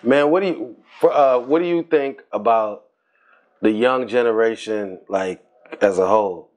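A man's voice: lowish voice, unhurried, a little mellow. A man hosting an interview, laid-back and affirming, asking loose open questions. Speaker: interviewer host. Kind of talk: casual interview.

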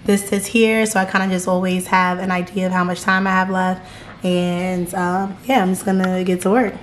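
A young American woman with a hoarse, raspy smoker-like voice, chatting casually to camera in a vlog. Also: on the low side, flat delivery, normal speed. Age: young adult. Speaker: vlogger. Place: bright open-plan apartment, indoors. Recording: roomy echo, clear background noise.

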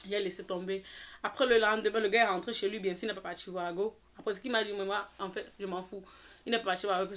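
A young adult woman vlogger telling a personal story in an animated, quick way, acting out the dialogue. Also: mid-range voice. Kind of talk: storytime vlog.

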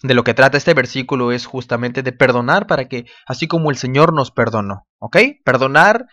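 A man's voice: mid-range voice, fairly quick, a bit bright. A man teaching English vocabulary in a casual video lesson, checking in often with his students and repeating words for them to echo.

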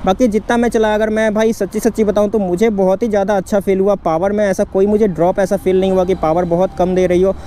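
High-voiced young man vlogging from a motorbike. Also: level tone, quick pace, few pauses, warm tone. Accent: Bihar Hindi. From India. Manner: chatty, keeps saying "bhai", upbeat. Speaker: bike reviewer. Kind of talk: casual ride review vlog. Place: outdoors on a city road. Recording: road and traffic noise.

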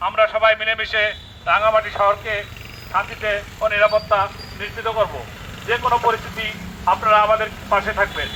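A man making a measured, repetitive public safety announcement through a megaphone loudspeaker as an army announcer, outdoors on a town street. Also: sits high, rough recording. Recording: loud street and traffic noise.

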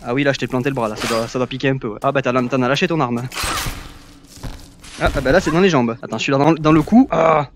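A man's voice: mid-range voice, quick pace, noisy background. A young man giving casual, playful commentary while playing a VR game, teasing the characters he fights. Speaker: gaming YouTuber. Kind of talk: casual Let's Play commentary.

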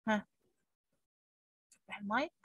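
A woman with an Egyptian Arabic accent, a primary school teacher coaxing and praising young pupils in an online class, her voice a little husky. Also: medium pitch, moderate pace, a bit bright, no room sound.

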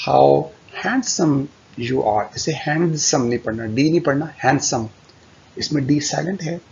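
A male English teacher walks learners through phrases, explaining in Urdu and drawing out each English sentence so they can repeat it. His voice is gravelly with a mid-level pitch. The recording is dull and lo-fi, with a faint rumble underneath. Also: a little mellow. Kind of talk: spoken language lesson with slides.

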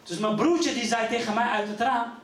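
A man's voice: very high-pitched, moderate pace. A middle-aged man from Rotterdam telling stand-up stories on stage, acting out the voices of his family. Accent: Rotterdam Dutch. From Netherlands. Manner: animated storytelling, acting out voices. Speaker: stand-up comedian. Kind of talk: live stand-up comedy. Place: community venue stage before an audience. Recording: roomy live hall, mic at a distance.

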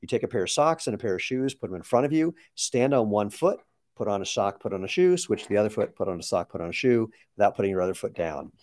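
A lowish, slightly mellow male voice, animated and quick, belongs to a company founder in his sixties. He's chatting informally on a live Q&A stream, answering viewers with plenty of asides, with no echo in the audio.

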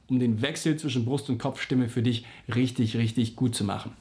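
Patient and plain-spoken, a male vocal coach walks through a singing lesson, occasionally demonstrating an exercise with sung vowel slides. His voice sits on the high side and is a little mellow.

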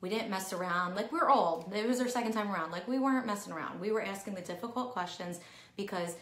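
A woman's voice: medium pitch, quick pace, a bit bright. Chatty middle-aged woman vlogging, roomy echo. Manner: candid, chatty, heavy use of "like" fillers. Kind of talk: casual vlog talk to camera. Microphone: camera at close range, talking to herself on screen.

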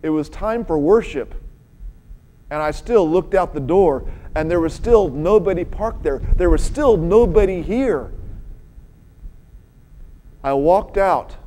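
A woman pastor giving a sermon, telling stories with an expressive, lively delivery. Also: lowish voice, rough recording. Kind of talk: sermon with storytelling.

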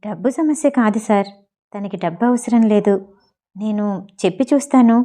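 A woman's voice: mid-range voice, moderate pace, dark tone, voice pushed down, natural voice. A woman voicing a timid nurse who talks hesitantly and fearfully to a patient.

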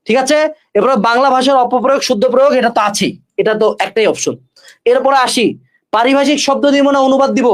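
High-pitched, fast-talking tutor man. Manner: brash, joking, talks straight to students. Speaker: exam-prep tutor. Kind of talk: energetic study-tips lesson with course promotion.

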